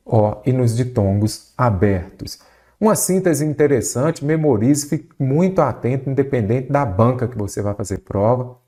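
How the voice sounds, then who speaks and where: A man's voice: lowish voice, dark tone. A man with a Brazilian Portuguese accent teaching grammar for exam prep, explaining step by step and often asking rhetorical questions.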